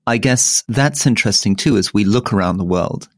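A man in his sixties co-hosts a podcast on politics, talking through political history in a thoughtful, digressive way, and his pitch rises when he gets animated. He speaks at a normal speed. The sound is dry and clean, from a studio.

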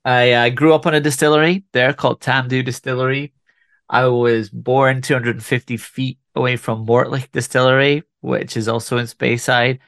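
A man in his forties from Scotland, with a faint Scottish accent, telling his story as an interview guest in a relaxed way with frequent restarts. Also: mid-range voice, moderate pace, dry recording. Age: 40s. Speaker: whisky ambassador guest. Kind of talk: conversational interview.

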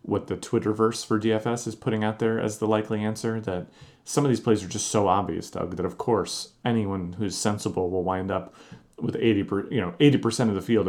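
A man co-hosting a sports podcast, explaining his views in a measured, dry way. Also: lowish voice, darkish tone. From New Jersey. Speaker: podcast co-host. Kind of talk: casual sports podcast chat.

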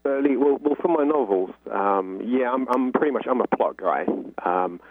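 Here the interviewee's voice sits in the mid range, husky and at a moderate pace, with no echo. He explains at length in a talkative, conversational manner, frequently dropping in "you know," and the audio is thin and phone-like.

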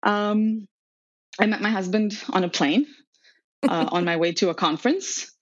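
With a medium-pitched voice and an unhurried pace, a woman from Serbia in her thirties shares her story on a podcast, laughing and saying um often. There is no room sound, and the audio is dry, dull, and lo-fi.

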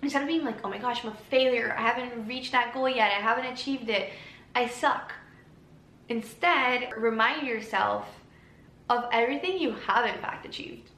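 A woman hosting a solo podcast, talking calmly and gently in an encouraging way. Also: fairly high pitch. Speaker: podcast host. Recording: echoey room with faint ambient noise.

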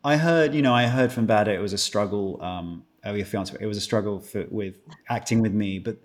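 A British man with a lowish voice chats casually as a podcast guest. He jokes and teases himself, stumbling and restarting sentences as he goes. He sounds like he is in his thirties. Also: a little fast. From Britain. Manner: joking, self-mocking, many restarts. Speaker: guest actor.

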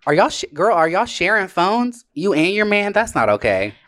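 On a laid-back livestream packed with banter, this co-host places prank calls, talking with slangy sass. His voice is high-pitched, very animated, and fairly bright, delivered at normal speed.

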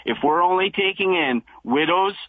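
A man's voice: high-pitched, lively intonation, normal speed, dry recording. Rambling male caller on speakerphone. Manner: rambling, talks over the hosts. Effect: on speakerphone over a phone line. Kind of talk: call-in radio talk. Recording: tinny speakerphone call.

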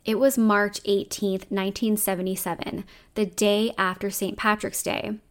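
A woman's voice: mid-range voice, little pitch movement, normal speed. A woman with a Canadian accent narrating a scripted true crime story as a podcast host.

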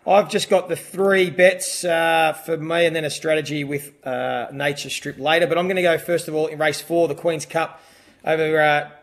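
An Australian man hosts a casual racing panel and offers his own tips. His voice sits a little high for a man, with a relaxed conversational style of delivery. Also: normal speed. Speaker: racing show host and tipster.

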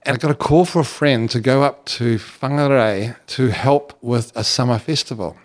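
An older man, a business co-founder, recalling his story in a relaxed, anecdotal way. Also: mid-range voice, moderate pace. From New Zealand. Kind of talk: interview recollection.

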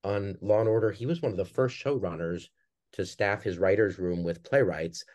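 A middle-aged Minnesota man, a theater director appearing as a podcast guest, speaks earnestly and reflectively in a conversational interview. His voice is low-pitched and a little mellow, at normal speed, with a Minnesota accent.

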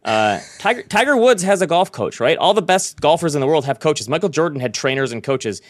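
A man's voice: on the high side, big pitch swings, fairly quick, no room sound, studio quality. A man hosting a podcast in a casual, conversational style. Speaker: podcast host.

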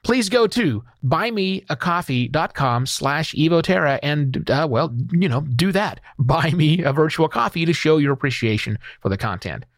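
A man's voice: fairly high pitch, expressive, normal speed, few pauses, dry recording, clean studio sound. A man hosting a solo podcast, giving earnest, emphatic advice in a conversational way. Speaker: podcast host.

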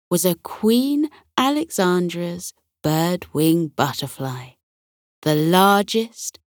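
Slow, gentle bedtime storyteller woman. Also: fairly low pitch, slightly rough, no room sound, clean studio sound. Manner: soothing, gentle.

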